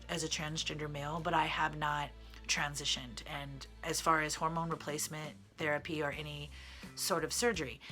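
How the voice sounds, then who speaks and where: A transgender man in his thirties from the Midwestern United States, a singer and vlogger, tells personal stories to camera. His voice sits on the high side, bright and forceful, and sounds feminine. He's candid and digressive, using lots of fillers.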